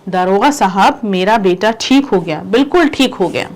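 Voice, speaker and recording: A woman's voice: medium pitch, animated, a little mellow, natural voice. A doting, worried old mother, read aloud by a woman. She reads from a play script in a natural voice with little change.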